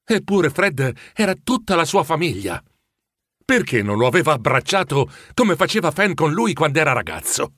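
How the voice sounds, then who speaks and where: A man reading a storybook aloud in an expressive, animated way. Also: a little high, moderate pace, no room sound, clean studio sound. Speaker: narrator. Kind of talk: storybook narration.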